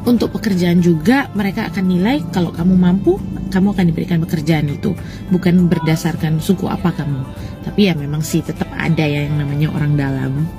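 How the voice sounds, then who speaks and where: A woman's voice: deep voice, a little fast, over music. A young woman from Indonesia recounting her own experience in a conversational way, hesitating now and then. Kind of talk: casual personal account.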